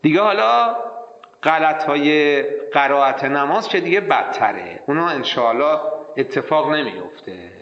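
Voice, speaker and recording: A man teaching Arabic grammar in an animated, emphatic way, mimicking his students' mistaken readings. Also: on the high side. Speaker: seminary teacher. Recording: echoey hall, slightly dull sound.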